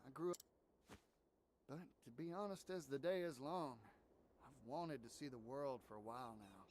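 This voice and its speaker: An actor playing an idealistic young small-town merchant in a video game, sincere, folksy and determined, with an American Southern accent. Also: male voice, medium pitch, moderate pace, a little mellow, a little hiss or hum, close to an everyday voice. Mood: earnest, wistful. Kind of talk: dramatic video game voice acting. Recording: music under the voice.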